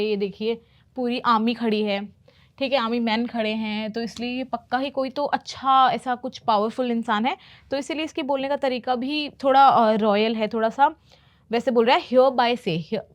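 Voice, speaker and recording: Woman slowly explaining movie phrases. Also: fairly high pitch. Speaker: English teacher. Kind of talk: explaining movie lines in a lesson.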